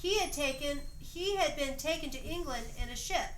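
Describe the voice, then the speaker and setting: Reading a story aloud at a moderate pace in a high voice, a woman acts as narrator for a homemade family play and coaches others with off-the-cuff directions to repeat their lines. The home recording is amateur, roomy, and noisy.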